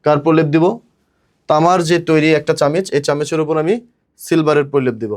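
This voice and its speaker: A male chemistry teacher with a fairly high voice, lecturing a class. He puts questions to the students and answers them himself, and the scratch of writing on a board comes through behind him. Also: fast. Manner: chants a mnemonic rhyme in a sing-song voice.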